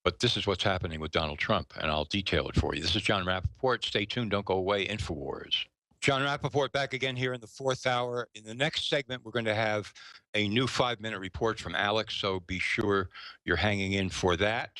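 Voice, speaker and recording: A man in his fifties gives forceful, opinionated talk radio commentary in a rather low voice with a bright, cutting edge. He leans hard on his points and jumps up in pitch when he acts out other people's words. The sound is close and dry. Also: fairly quick, no echo, low-quality recording. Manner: emphatic, with animated acted-out quotes.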